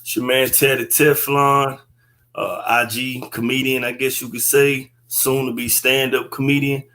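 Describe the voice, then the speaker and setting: A relaxed man in his thirties, chatting as a guest in an easy, slang-filled drawl. He sits indoors and talks into a webcam on a video call. His voice sits at an ordinary middle pitch. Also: measured pace. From Texas. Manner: laid-back and slangy. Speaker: guest comedian. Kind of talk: casual interview chat. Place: indoor room.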